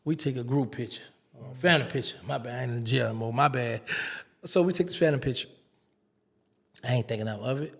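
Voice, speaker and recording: A man's voice: mid-range voice, fast talker, creaky. A man, an interview guest telling a casual story and acting out the dialogue. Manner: animated storyteller, acts out quoted dialogue.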